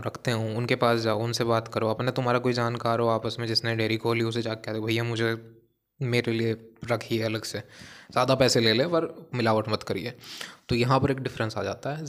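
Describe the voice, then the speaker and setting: A young man with a hoarse voice, a vlogger delivering a heated, preachy monologue straight to his viewers. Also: medium pitch. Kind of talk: ranting monologue to camera.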